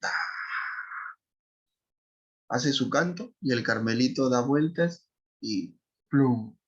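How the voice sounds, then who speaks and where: A male literature teacher, retelling a story to his class in an animated way, acting out voices and asking students questions. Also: medium pitch, takes it slowly, dull audio.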